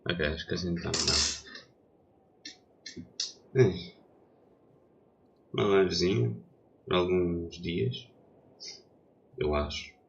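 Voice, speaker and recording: He speaks slowly in a low, gravelly voice, stopping often, clearly stuffed up from a cold. The young streamer is making casual, tentative chat as he sets up for gaming, and the recording is dull with a little background noise.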